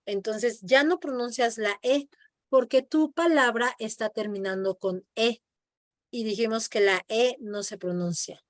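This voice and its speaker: Slow, patient woman teaching over a call. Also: on the high side, no room sound, clean studio sound. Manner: patient, slow, models words for the student to repeat. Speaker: French teacher. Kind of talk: online language lesson, explaining in Spanish and French.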